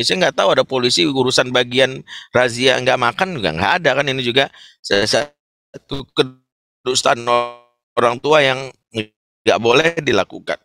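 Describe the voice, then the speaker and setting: A man teaching an Islamic parenting webinar in an animated, humorous way, acting out examples. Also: mid-range voice, no room sound, clean studio sound.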